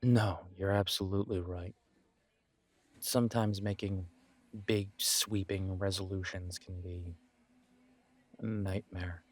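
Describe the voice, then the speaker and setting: Playing a reassuring homebody best friend in an intimate solo roleplay, this man keeps a steady tone in a low register. He talks casually, pausing often, nudging the listener along gently in a soft, comforting mood.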